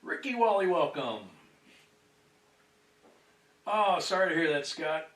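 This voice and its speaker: A man with a slightly high voice hosts a casual livestream chat. He sits back from the boom mic, so he sounds far off. The room adds a noticeable echo around his words. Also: lively intonation, slow, a bit bright. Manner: distant from the microphone. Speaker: livestream host. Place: indoors at a table. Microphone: boom microphone. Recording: roomy echo, distant microphone.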